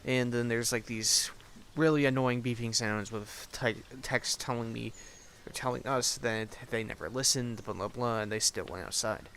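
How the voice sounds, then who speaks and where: Speaking at a normal speed, this young video reviewer and host has a mid-range, slightly bright voice. His recap commentary is sarcastic, casual, offhand and full of swearing, captured in an obviously noisy home recording.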